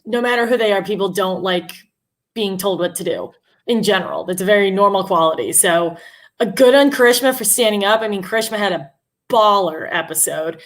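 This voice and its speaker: A woman's voice: medium pitch, brisk. A woman co-hosting a casual TV recap chat, speaking bluntly with strong opinions and some swearing. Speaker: podcast co-host.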